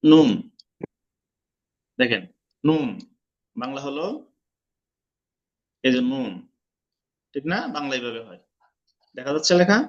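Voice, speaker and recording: A man's voice: medium pitch, slow pace, pauses often, a little mellow, muffled recording. A man teaching an online lesson, explaining step by step and quizzing his students. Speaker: Quran recitation teacher.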